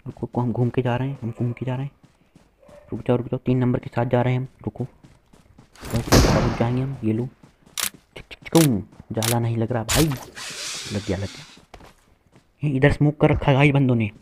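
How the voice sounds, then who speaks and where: A man's voice: medium pitch, steady tone, moderate pace, pauses often, background noise. A man giving playful, boastful live commentary to viewers while playing a shooter game, with gunfire behind him. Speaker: gaming streamer.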